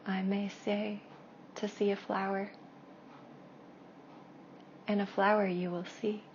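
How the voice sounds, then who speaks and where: Narrating a guided meditation, a female guide and Reiki practitioner speaks at a slow, unhurried pace with an even pitch. Her soft, soothing, drawn-out phrases fade toward a whisper across long pauses. The recording is slightly dull, with faint noise behind her.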